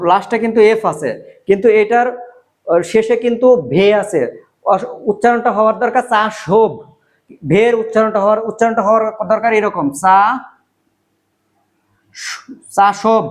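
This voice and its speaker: A man teaches in a casual video lesson. He repeats each word slowly, poses a question and then answers it himself. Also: high voice. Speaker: language teacher.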